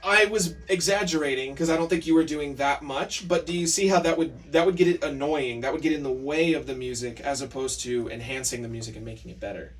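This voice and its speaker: A middle-aged man giving a relaxed drum lesson, explaining in an easygoing way with frequent chuckles. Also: a little high, fairly quick, hardly any pauses. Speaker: drum teacher. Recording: distant mic with clear drums and music.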